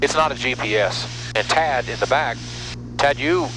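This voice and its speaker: At a normal pace and medium pitch, a middle-aged American pilot chats and explains casually for his vlog while flying. The setting is a small propeller plane's cockpit, and he uses an aviation headset mic. Heavy engine hum and headset intercom sound come through.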